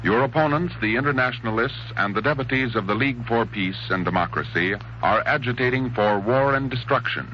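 A man's voice: medium pitch, brisk, hardly any pauses. Male 1930s radio announcer, earnest formal appeal, muffled old broadcast with faint hum. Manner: earnest, urging appeal to listeners. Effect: old radio broadcast sound.

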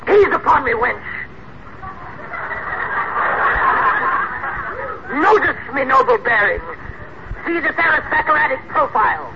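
An actor playing an excitable young American man putting on lordly, pompous royal airs in an old radio comedy. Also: very high-pitched, moderate pace. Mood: lordly, grandiose. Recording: muffled, noisy old radio broadcast.

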